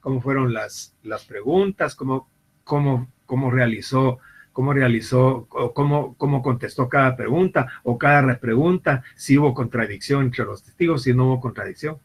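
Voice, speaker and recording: A man's voice: medium pitch, moderate pace, slight background noise, low-quality recording. A man giving a university law lecture. He often repeats and restarts words, and he acts out little everyday scenes in quoted voices to explain his points. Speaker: law professor. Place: classroom or online class.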